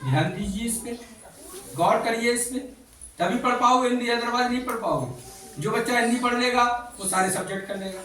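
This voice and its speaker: A man's voice: extremely high pitch, moderate pace, bright, forceful tone, slight background noise. A male teacher giving a classroom lesson, quizzing the children and repeating their answers back. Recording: echoey classroom from far off.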